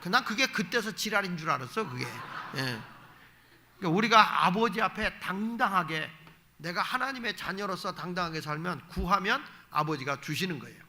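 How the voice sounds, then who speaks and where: A man's voice: high-pitched, lively intonation, moderate pace, bright, forceful tone. A man, a guest pastor, preaching an evening sermon in a blunt, folksy way with joking asides. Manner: folksy and emphatic, acting out little dialogues.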